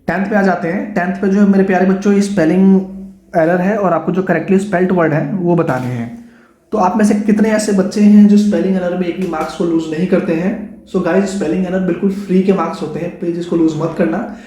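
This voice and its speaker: A man's voice: high voice, fairly even intonation, brisk, mellow, reverberant. A man with an Indian English accent teaching an online exam-prep lesson, chatty and coaxing, calling his students guys and dear children.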